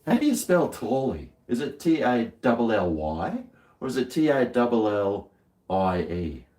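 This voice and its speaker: A man's voice: medium pitch, very animated, unhurried, a little mellow. An Australian man chatting casually to viewers over a beer, rambling in a laid-back, slangy, working-bloke way. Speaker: livestream host. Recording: roomy echo, distant microphone.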